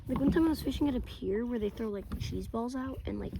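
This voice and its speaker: A young woman fishing from a kayak outdoors, chatting excitably to a mounted camera, swearing casually and often dropping to a murmur. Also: fairly high pitch, fast talker, vocal fry, noisy background. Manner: chatty and excitable, swears and says bro a lot. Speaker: fishing vlogger. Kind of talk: casual running commentary while fishing.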